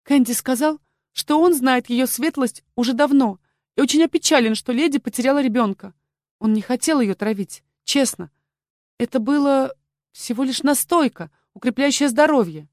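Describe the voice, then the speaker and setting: A woman voicing a naive, frightened young maid who sobs and pleads in a high, breaking voice. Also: normal speed, a little mellow, no echo, studio quality, close to an everyday voice. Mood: hopeful. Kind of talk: audiobook character voice.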